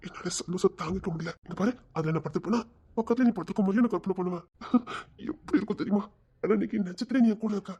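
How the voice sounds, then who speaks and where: A woman's voice: medium pitch, rapid-fire, highs cut off, close to an everyday voice. A woman voicing an eager young man who coaxes and reassures his girlfriend. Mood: coaxing. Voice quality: husky. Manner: coaxing, soft reassurances.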